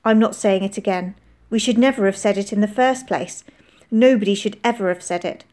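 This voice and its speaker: A woman voicing an anxious young girl who is impatient at first and easily upset, speaking in a high, urgent way. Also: a little fast, a little mellow, close to an everyday voice. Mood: fearful.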